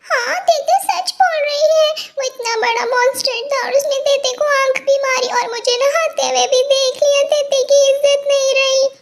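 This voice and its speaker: Brief: woman voicing very high, shrill girlish young woman, childish and dramatic, whiny, fan fiction dub. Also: fairly even intonation, normal speed, gravelly, few pauses, very noisy. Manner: calls herself by her pet name, whiny and wailing.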